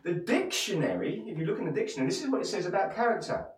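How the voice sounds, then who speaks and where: A man's voice: high-pitched, very animated, racing. A man from Essex with an Essex accent giving an encouraging motivational sermon as a pastor, speaking straight to listeners with rhetorical questions and repeated phrases. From Essex, England. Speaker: church pastor. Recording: echoey room, distant microphone.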